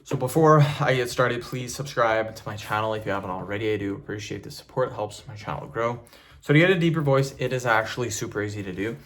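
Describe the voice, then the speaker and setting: A man with a fairly deep, firm voice hosts an instructional video. He talks to viewers casually, stating each step in an assured, emphatic way. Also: quick pace, a bit bright. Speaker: YouTube host giving voice tutorials.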